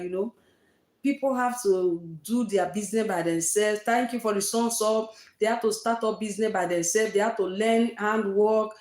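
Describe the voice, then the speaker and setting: Hosting a laid-back livestream chat, this woman from Nigeria speaks with a Nigerian accent in a medium-pitched, slightly mellow voice that sounds roomy. She's repetitive and emphatic, repeating points for emphasis and dropping fillers such as "eh" and "oh."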